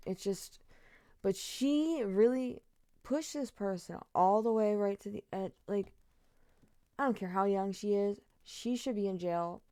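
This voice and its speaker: A woman's voice: medium pitch, mellow, no room sound. A woman streamer giving casual reaction commentary, blunt and angry, swearing freely. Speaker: streamer reacting to trial footage.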